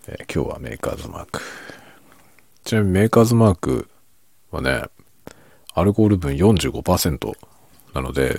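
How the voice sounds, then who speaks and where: A man speaks quietly in a very deep voice with a gravelly edge, keeping it soft and unhurried as he rambles through a late-night solo chat. His tone is husky, and the recording is dry and close, with no room sound around him. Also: no room sound. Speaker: podcast host.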